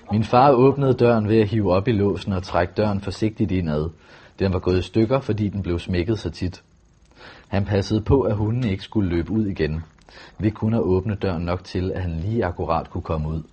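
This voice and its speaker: Deep, husky male narrator. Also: mellow. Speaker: audiobook narrator. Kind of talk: first-person novel reading.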